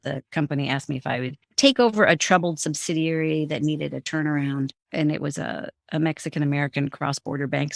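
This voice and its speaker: A middle-aged woman, a former bank executive appearing as a guest on an interview show, tells the story of her career conversationally, often restarting. Her voice sits low and gravelly. The recording is clean studio sound with no room noise.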